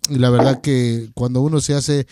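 A man hosting a radio interview, encouraging and halting with many fillers. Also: medium pitch, fairly even intonation, background noise. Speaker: radio show host. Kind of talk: casual interview chat.

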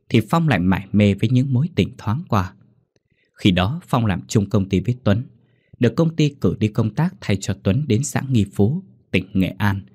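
A man narrating a folk horror story in a steady, measured reading. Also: lowish voice, husky.

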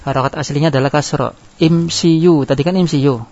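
A man's voice: a little high, a little fast, a little mellow. Man teaching grammar, dull lo-fi recording. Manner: explains step by step, asks the class questions and answers them himself. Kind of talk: classroom lesson.

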